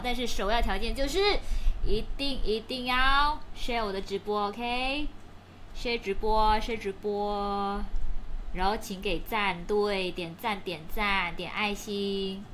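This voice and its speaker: A woman's voice: medium pitch, sharp tone, a little hiss or hum. A woman hosting a casual livestream, greeting viewers one by one by name, chatty and upbeat. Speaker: livestream host.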